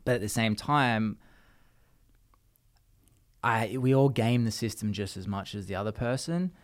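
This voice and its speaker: An Australian man with a fairly low voice chats casually as a podcast guest at a measured pace. His storytelling is lively but rambling, with many restarts.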